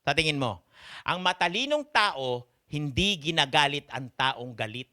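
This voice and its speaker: A Filipino man preaching a sermon in a mix of Tagalog and English, often asking his listeners questions. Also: expressive. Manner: mixes Tagalog and English, asks the congregation questions; slow, emphatic delivery with sharp swings in pitch and volume.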